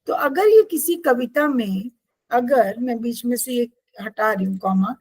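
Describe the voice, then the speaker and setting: A woman's voice: a little high, lively intonation, unhurried, a little mellow, slightly rough, rough recording. A woman teacher explaining poetry devices to a class, patiently checking in with her students.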